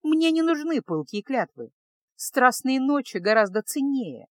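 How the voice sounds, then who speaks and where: A woman's voice: high-pitched, big pitch swings, unhurried, no room sound, pitched above the performer's own voice, full character voice. Woman playing a vain, boastful young princess. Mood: languid. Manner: boastful, self-satisfied.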